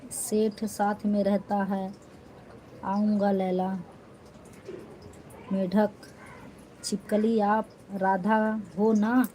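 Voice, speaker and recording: Slow, mellow-voiced woman live-streaming on her phone. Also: mid-range voice, slight background noise, poor audio. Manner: teasing, playful, laughing often. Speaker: live-stream host reading comments. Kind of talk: casual live-stream chat.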